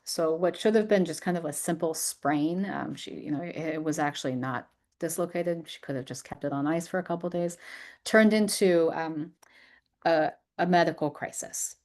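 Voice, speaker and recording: A woman with a somewhat low voice delivers an academic lecture as a researcher. She speaks thoughtfully, pausing on ums and restarting phrases as she works through her ideas. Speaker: researcher giving a talk.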